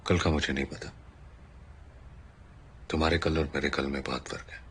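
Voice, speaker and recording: A weary fifty-year-old man, deep and resigned. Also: fairly even intonation, moderate pace, a little hiss or hum. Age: 50s. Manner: quiet, resigned, mixing Hindi and English. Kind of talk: film dialogue.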